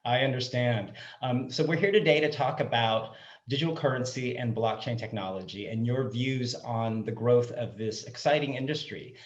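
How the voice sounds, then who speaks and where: A man born in Vietnam and raised in Southern California, hosting a formal online interview with polished, courteous introductions. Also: mid-range voice. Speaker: interview host. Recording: roomy, dull sound with faint music.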